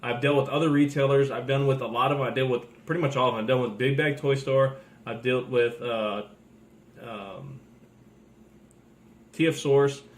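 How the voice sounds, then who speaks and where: A man with a middle-pitched voice rants casually in an echoey room. He sounds blunt and disgruntled, swearing as he lays out his opinions like a collector talking to viewers. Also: fairly even intonation, moderate pace, long pauses. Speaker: toy collector giving a video rant.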